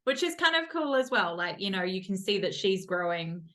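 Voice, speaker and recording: A podcast host chats casually with a guest in an interview, laughing often and filling her speech with "like." Her voice is medium-pitched, sing-song and sharp in tone, at normal speed.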